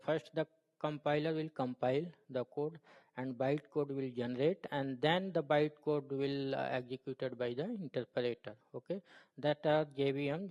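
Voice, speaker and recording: A man with an Indian accent teaches in an informal tutorial style. His voice is soft-edged and mellow, and he speaks haltingly, circling back over phrases and tagging them with "okay?". The recording has a long, boomy room reverb. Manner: halting, repetitive, often checking with "okay?". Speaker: programming tutor.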